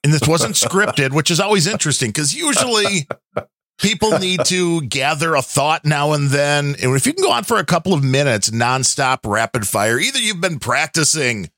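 A man's voice: a little high, expressive, moderate pace, sharp tone, dry recording, studio quality. A man hosting a casual podcast, talking in a conversational, skeptical way with long, wandering explanations. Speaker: podcast host.

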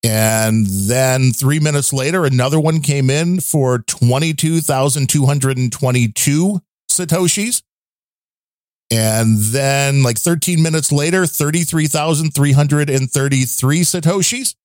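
A man's voice: medium pitch, unhurried, darkish tone, no echo, studio quality. Chatty man reading out donor thanks. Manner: chatty, rambling, wry asides. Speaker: podcast co-host.

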